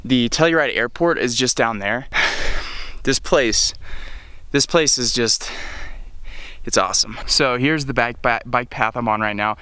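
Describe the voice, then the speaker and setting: A young man vlogging casually from a mountain bike trail outdoors, chatty and excited, rambling with fillers, at times out of breath. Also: mid-range voice, unhurried, pauses often, smooth, dry recording. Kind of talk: casual travel vlog.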